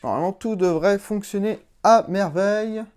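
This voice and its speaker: A young man casually demonstrating a gadget, chatty and hands-on, with the odd swear, sounding out English voice commands slowly and with effort. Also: high voice, a little mellow, clear, resonant tone. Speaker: YouTuber reviewing a collectible. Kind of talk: casual product demo.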